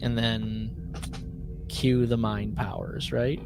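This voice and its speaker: Over music, a podcast co-host speaks slowly in a fairly low, gravelly voice with a level tone. Even so, his casual recap chat is animated: he talks emphatically, repeats himself for effect and acts out mock quotes.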